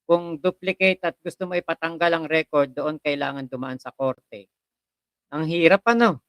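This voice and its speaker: Chatty livestream host, bright and crisp. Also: medium pitch, moderate pace, no echo. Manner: chatty, laughs often, greets viewers by name. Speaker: livestream host reading viewer comments. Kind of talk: casual livestream chat.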